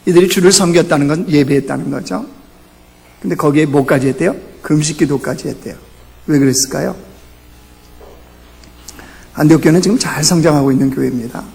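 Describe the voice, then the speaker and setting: A man preaching a Sunday sermon as pastor, asking rhetorical questions, climbing to emphatic peaks and then dropping low. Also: fairly quick, vocal fry, pauses often, darkish tone. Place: church sanctuary. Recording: church hall reverb.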